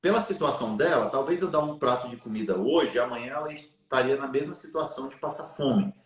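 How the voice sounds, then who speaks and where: A man's voice: mid-range voice, fairly quick. A man recounts a personal story at length and turns it into a lesson about faith and giving. He speaks earnestly, with a preachy storyteller's cadence, in a mid-range voice. The sound carries a noticeable room echo. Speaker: live stream guest. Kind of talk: storytelling in a live chat.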